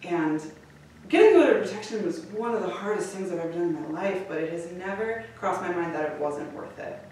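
A woman's voice: fairly low pitch, lively intonation, fairly quick, a little mellow, a little hiss or hum. A woman telling a personal story to a live audience, candid and swearing freely, laughing often. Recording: echoey room from a distance.

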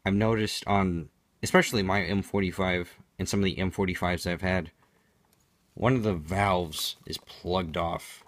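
A man's voice: low-pitched, steady tone, a little slow, no echo. A man giving an unscripted product demonstration in a matter-of-fact, explanatory way, as a reviewer.

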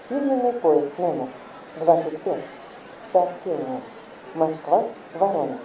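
A man making formal railway station announcements in measured, segmented phrases, in the manner of an airport announcement. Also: fairly high pitch, distant mic. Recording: muffled, echoey station loudspeaker, noisy crowd.

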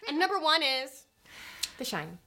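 A woman's voice: high voice, sing-song, moderate pace, bright, forceful tone, a little hiss or hum. A young woman hosting a casual horror-comedy chat with a sassy, teasing manner. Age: young adult. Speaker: host. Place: indoor horror-themed studio set. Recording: faint music behind the voice.

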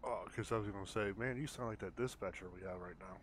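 A man's voice: on the low side, fast talker, a bit bright, a little hiss or hum. A man chatting casually in game as he roleplays a patrol officer. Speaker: player acting as a patrol officer.

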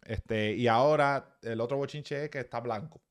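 A man's voice: mid-range voice, clear, resonant tone. A young man co-hosting a casual talk show, breaking down baseball swings and repeatedly telling his partner to advance the video. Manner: rapid, repetitive instructions to advance the video. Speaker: co-host analyzing baseball swings.

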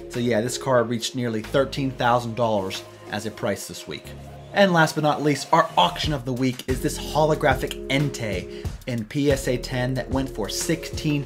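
A man in his thirties with an American accent, hosting a casual, upbeat rundown of collectible card sales from a small room at his desk. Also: medium pitch. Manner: upbeat, loose, conversational. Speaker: host.

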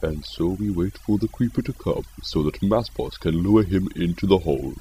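Man doing a scheming game villain; deep, murmured, theatrical menace. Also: normal speed, mellow, breathy edge, heavily acted, rough recording.

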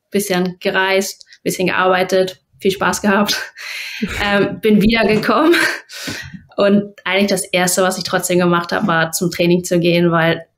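A young woman from Germany, a guest athlete, answering interview questions casually over a video call in a plain, matter-of-fact way. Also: on the low side.

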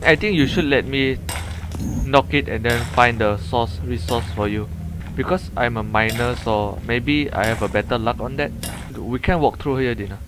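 Speaking at a moderate pace and medium pitch, the host of a gameplay video banters casually with a co-player. His English is colloquial and Malaysian-accented, peppered with "lah" and Malay words, while clear game ambience and sound effects play behind him.

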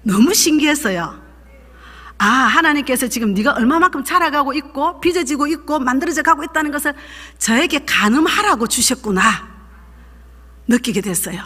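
Woman, high bright voice, fervent preaching, echoey church hall. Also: expressive, normal speed. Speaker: pastor's wife leading a seminar. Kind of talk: sermon testimony. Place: church sanctuary.

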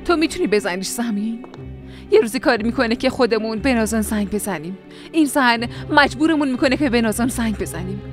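An exasperated young woman, voiced by a woman in a dubbed TV drama, complaining to her mother. Her voice is fairly high, and clear music plays behind her. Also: lively intonation, natural voice. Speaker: dub actress. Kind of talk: Persian-dubbed TV drama acting.

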